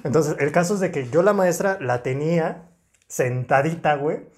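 A man's voice: fairly high pitch, normal speed. A man with a Mexican accent, co-hosting a podcast and telling a crude, joking story in casual chat. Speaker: podcast co-host.

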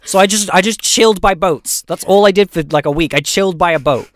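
A man's voice: high-pitched, a little fast, no room sound, clean studio sound. An eighteen-year-old man co-hosting a podcast in casual chat, rambling with many restarts and frequent laughs. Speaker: podcast co-host.

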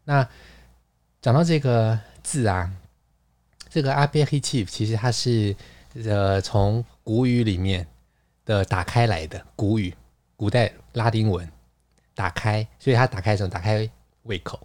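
A man hosts a casual podcast, playful and chatty, explaining words at length and laughing often. His voice is on the low side with a darkish tone, and he's unhurried, pausing often. The recording is dry.

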